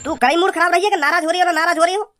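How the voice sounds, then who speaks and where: A woman's voice: extremely high pitch, steady tone, very fast, heavy background noise. A woman voicing a rude, mocking young street punk in a cartoon, with a blunt, insulting manner. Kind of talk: cartoon dubbing.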